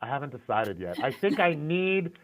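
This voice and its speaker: This middle-aged man, a concept art and animation director of Syrian origin who grew up in the US, talks candidly in a casual interview, often restarting and repeating himself. His voice is a little high with big pitch swings, a normal pace, and a fairly bright tone, heard through tinny, phone-like call audio.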